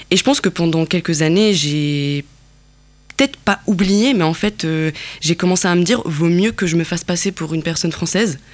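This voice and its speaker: A woman from Algeria speaks as an interview guest. She talks in a reflective way, pausing and rephrasing often as she works out her thoughts. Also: on the low side. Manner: thoughtful, many fillers and restarts.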